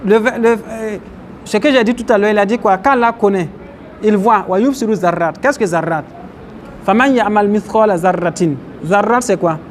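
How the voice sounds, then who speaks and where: A man's voice: high voice, moderate pace, a little hiss or hum. A man teaching a religious class, explaining Arabic terms and questioning his listeners. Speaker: Islamic teacher. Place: mosque, faint outdoor traffic behind.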